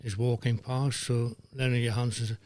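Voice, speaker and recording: An older man, a former referee telling lively anecdotes as a guest, dropping into voices for the people he quotes. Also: mid-range voice, moderate pace, a little hiss or hum. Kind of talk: anecdotal storytelling.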